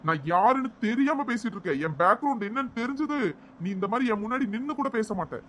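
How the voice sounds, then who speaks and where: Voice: medium pitch, lively intonation, quick pace, fairly bright tone, slight background noise, natural voice. Cartoon role: arrogant young bully, threatening and boastful, acted by a voice performer.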